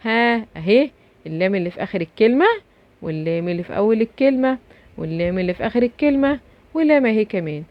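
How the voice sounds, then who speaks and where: A woman teacher with an Egyptian accent, giving a children's phonics lesson and slowly drawing out and repeating syllables. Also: medium pitch, lively intonation, no echo. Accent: Egyptian Arabic. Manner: slow drawn-out syllable drilling with repetition. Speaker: primary school teacher. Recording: dry, slightly dull lo-fi recording.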